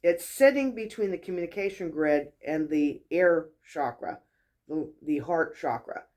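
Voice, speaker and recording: A chatty woman hosts a casual spiritual teaching talk. She tells stories in a lively, conversational way and acts out the voices of the people she quotes. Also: deep voice, measured pace. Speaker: host, wellness mentor.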